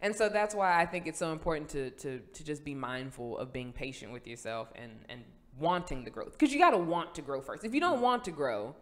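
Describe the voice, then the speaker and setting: Animated young woman telling stories. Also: fairly quick, hardly any pauses. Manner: animated storyteller, acts out quotes with big pitch jumps. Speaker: podcast host. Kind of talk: casual conversational podcast.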